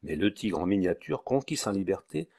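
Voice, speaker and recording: Man, audiobook narrator, low voice, measured, expressive storytelling. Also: creaky. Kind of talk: audiobook reading of a classic novel.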